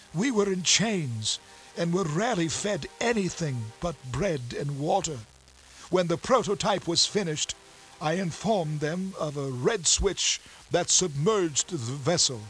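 A man voicing a dying, bitter older sea captain who speaks in a grave, gasping, drawn-out way, in a story game. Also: a little high, expressive, fairly bright tone, voice pushed up, poor audio. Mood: scornful.

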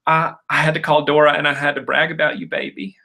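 A man voicing his doting, excitable middle-aged mother, pleading and gushing over her son. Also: low voice, fast, gravelly, full character voice. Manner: pleading, gushing, calls him baby.

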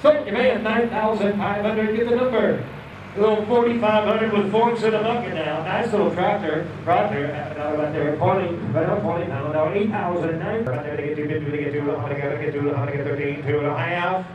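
A man working as an auctioneer, calling bids in a rapid repeating chant. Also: sits high, dull audio, crowd noise. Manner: rapid repeating bid calls. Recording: distant echoey crowded auction.

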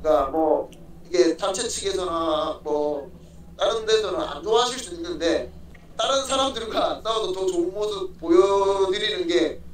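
A young man giving polite, halting interview answers, often repeating his own phrases, over a phone in a big indoor space. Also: high voice. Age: young adult. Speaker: MMA fighter being interviewed. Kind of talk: casual remote interview answers. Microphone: phone at arm's length, video call. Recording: echoey room, far-off mic, faint noise.

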